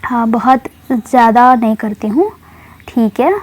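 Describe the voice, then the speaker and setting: A woman's voice: a little high, unhurried, darkish tone. A woman narrating a story in a chatty, digressive way, mixing in English words.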